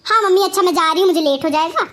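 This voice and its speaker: Cartoon comedy: a woman plays a spoiled, sly elder daughter, high voice, Awadhi-tinged Hindi, sugary to mom and nasty behind her back. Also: very fast, fairly bright tone. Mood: sweet-talking. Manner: bossy and sly, sweet to her mother, mean in asides. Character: spoiled scheming young woman, college-going elder daughter.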